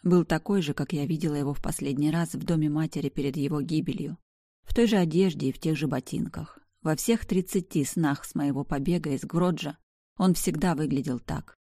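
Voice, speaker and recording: Low, mellow woman narrating a story. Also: fairly quick, no echo, studio quality. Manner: emotional, expressive reading. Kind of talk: first-person audiobook narration.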